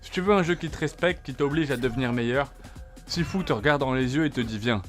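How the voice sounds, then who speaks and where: A man's voice: medium pitch, fast talker. A man narrating a scripted video game review in punchy short phrases and rhetorical questions. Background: faint background music.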